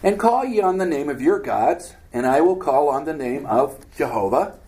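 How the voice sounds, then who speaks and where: A man's voice: fairly high pitch, animated, normal speed, mellow, low-quality recording. A man teaching a Bible study, reading scripture aloud and breaking in with casual, joking commentary. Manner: reads scripture aloud then adds joking asides, acts out voices.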